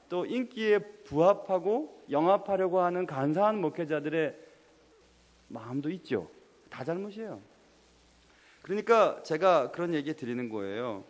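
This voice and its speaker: A young male pastor preaches with a high, animated voice, throwing questions at the congregation and pressing for answers. The sound carries a long reverb from the sanctuary. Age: young adult. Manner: lively, quizzes the congregation and presses them. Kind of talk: sermon. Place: church sanctuary.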